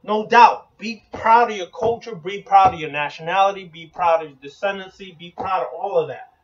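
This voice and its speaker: A man's voice: high-pitched, normal speed. A man hosting an occult channel, delivering a blunt, emphatic preaching monologue that repeats slogans and is occasionally profane. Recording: dull lo-fi recording.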